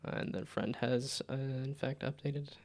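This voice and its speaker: This livestream host has a medium-pitched, slightly mellow voice with vocal fry and fairly even intonation. He speaks at a measured pace, chatting casually while playing games, wandering off topic and letting thoughts trail away.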